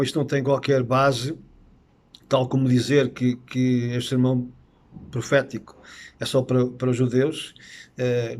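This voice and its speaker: A middle-aged man with a European Portuguese accent, teaching about Bible prophecy in an earnest, unscripted way, often pausing on hesitant "eh" fillers. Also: medium pitch, a little mellow.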